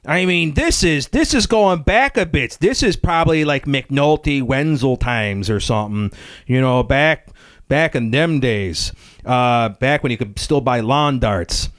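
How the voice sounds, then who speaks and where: A man doing an excitable local. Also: mid-range voice, a little slow, no echo, studio quality. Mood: gushing nostalgic. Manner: rambling, gushing, easily excited, stumbling restarts. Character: excitable rambling nostalgic local Scranton guy, middle-aged man. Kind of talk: comedic character review.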